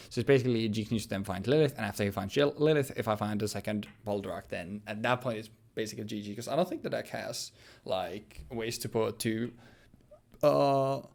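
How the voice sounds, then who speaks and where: Male, late 20s, gravelly and going hoarse. Casual, joking gaming host who rambles. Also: on the low side, a little mellow. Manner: joking, rambling, laughs often. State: losing his voice.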